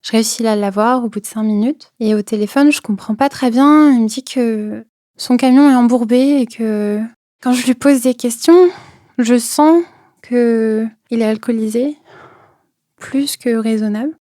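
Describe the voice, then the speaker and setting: A woman's voice: a little high, unhurried, mellow, dry recording, clean studio sound. A young woman recounting a personal experience, hesitant, with many fillers and repeated words, sometimes dropping to a near whisper. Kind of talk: personal testimony.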